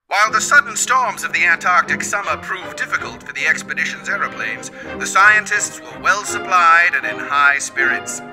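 A man reads an old-fashioned newsreel narration in a formal, declamatory announcer's style. His voice sits high and bright in pitch. Music plays clearly under his words. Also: animated, moderate pace, hardly any pauses, low-quality recording.

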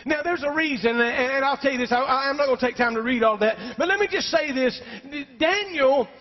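A pastor preaches to his congregation in a strikingly high voice, pressing his points and drawing out amens. His voice carries a long reverb off the church walls. The recording sounds dull and muffled. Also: fairly quick. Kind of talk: sermon. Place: church sanctuary.

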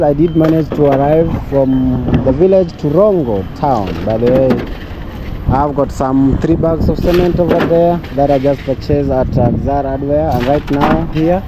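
A man's voice: medium pitch, background noise. A man with a Kenyan accent chatting casually in a vlog, repeating himself and thanking supporters. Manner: chatty, repeats words, thanks donors warmly. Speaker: vlogger.

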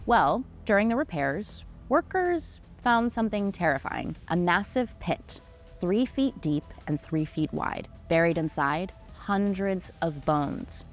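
With music playing behind her, a twenty-something host of a history mystery show narrates from a script, sounding dramatic yet conversational and tossing in casual asides. She speaks into a close desk mic on a small indoor studio set, her lowish voice expressive and measured in pace.

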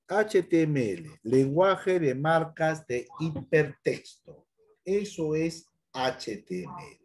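A middle-aged man who teaches computers records a lesson in a mid-range, slightly mellow voice, with a faint hiss or hum in the audio. He speaks directly to one student and at times acts out the student's fears.

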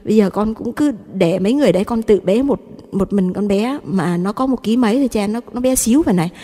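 A woman's voice: medium pitch, fast talker, mellow, in a large hall. A woman gives a rambling spoken faith testimony to a priest, repeating herself and addressing him humbly as a mother.

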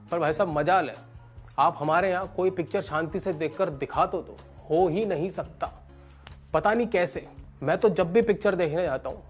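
A man's voice: sits high, slightly rough. A man in his thirties doing stand-up, telling comic stories and acting out other people's lines. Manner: animated, acts out characters with raised voice. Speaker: stand-up comedian. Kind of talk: stand-up storytelling.

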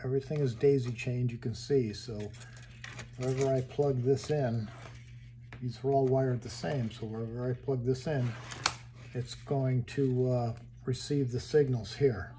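A man casually walking through his hobby wiring build in a home workshop, halting and thinking aloud as he handles parts. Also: mid-range voice, steady tone, warm tone, slight background noise.

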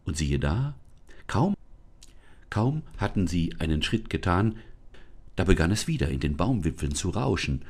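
A man reading a children's storybook aloud in a calm, measured way, with small thinking-aloud asides. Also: sits low, slight background noise. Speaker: volunteer children's book reader.

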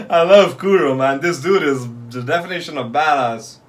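A young man giving excited live reaction commentary in casual street slang, swearing freely and repeating short phrases. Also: a little high. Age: young adult. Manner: casual street slang, like "yo", "fam", "bro", "no cap". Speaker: anime reaction host. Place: small bedroom or home room, indoors.

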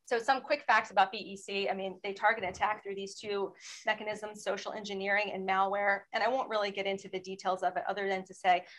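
A woman speaking as a panelist in a webinar presentation, explaining in a steady way and asking for slide changes. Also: mid-range voice, fast talker, few pauses, rough recording. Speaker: federal law enforcement panelist.

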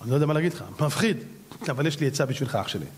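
A man's voice: a little high, expressive, breathy edge, in a large hall, voice pushed down. A man voicing a shrewd friend who gives persuasive advice in a confiding tone.

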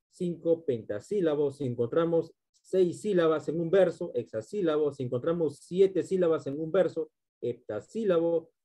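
A man's voice: fairly high pitch, mellow. A male teacher giving a literature class, explaining step by step and often checking in with his students.

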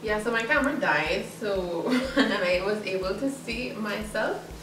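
A young woman talks her way through a clothing try-on haul, chatty and giggly with a self-conscious edge. She sounds set back from the camera in a roomy, echoing space. A clear hiss of noise sits behind her. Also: mid-range voice, unhurried. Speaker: vlogger. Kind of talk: casual try-on haul chat. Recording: echoey room from far off.

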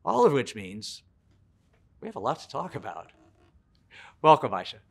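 A man in his sixties hosting a video interview series, opening with a scripted introduction and then asking questions in a measured way. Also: mid-range voice, huge pitch swings, creaky. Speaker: interview show host. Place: indoor office lounge.

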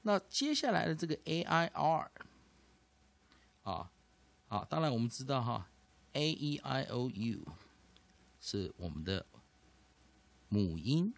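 A man teaching a vocabulary and pronunciation lesson, explaining slowly and deliberately. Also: medium pitch.

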